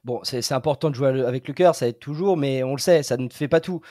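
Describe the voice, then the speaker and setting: A man's voice: medium pitch, quick pace, mellow, no echo, clean studio sound. A man with a French accent hosting a football podcast, leading the talk and handing over to his columnists. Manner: leads the talk, hands over to guests. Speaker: podcast host.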